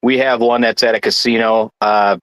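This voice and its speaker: A man from Michigan chats casually about his game as a guest, stumbling through restarts and fillers. His voice sits fairly low. The sound is dry and close, with almost no room in it. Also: little pitch movement, a bit bright, clear, resonant tone, no room sound, poor audio. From Michigan, United States. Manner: halting, many restarts and fillers. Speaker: guest darts player. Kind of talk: casual chat.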